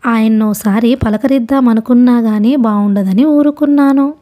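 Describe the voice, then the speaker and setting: Rambling old hermit man, mad and grandiose, fawning and boastful, raised mellow voice, storybook figure, put on by a woman narrator. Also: a little high, normal speed, close to an everyday voice.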